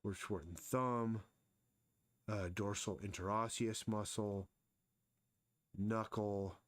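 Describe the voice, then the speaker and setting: A man's voice: fairly low pitch, steady tone, takes it slowly, no echo. A man casually thinking aloud as he sketches and explains anatomy during a live drawing stream. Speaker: artist streaming his drawing.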